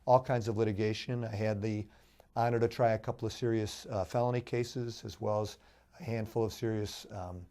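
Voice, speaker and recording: A middle-aged man, hoarse from a cold, telling his background as a judicial candidate in an earnest, measured way. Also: lowish voice, steady tone, warm tone. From Chicago, USA. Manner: earnest, anecdotal, measured with fillers. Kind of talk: interview guest.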